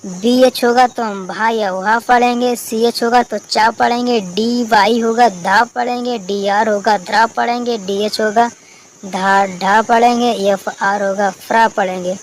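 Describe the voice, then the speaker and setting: A woman's voice: fairly high pitch, steady tone, a little slow, a little hiss or hum, low-quality recording. A woman teaching a recorded lesson, spelling out letters one by one and answering her own questions. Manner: spells out letters and asks herself questions, then answers them. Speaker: English teacher.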